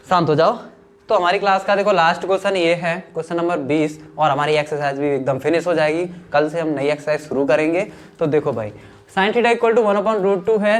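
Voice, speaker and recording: A man with a north Indian Hindi accent teaching a maths lesson in a chatty, teasing, reassuring way. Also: high-pitched. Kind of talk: informal classroom lesson.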